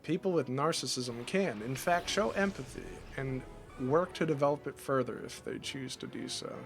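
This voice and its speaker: A man's voice: mid-range voice, normal speed, faint music behind. A man streaming a video game and chatting casually, rambling with many restarts and laughs. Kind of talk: casual chat while gaming.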